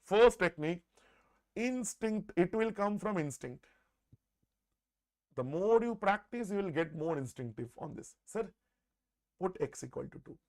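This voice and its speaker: A man's voice: high voice, expressive, unhurried, long pauses, a little mellow. Indian-accented man teaching maths live. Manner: repeats phrases, often addresses listeners as "sir"; conversational, mixes Hindi words into English. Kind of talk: live exam-prep lesson, working through problems aloud.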